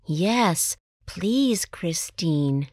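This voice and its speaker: Woman, american accent, lowish voice, very slow clear reading, dry recording. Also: lively intonation, a little mellow, no echo. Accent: General American. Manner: clear, deliberate enunciation for learners. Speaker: textbook dialogue reader. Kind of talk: slow scripted textbook reading.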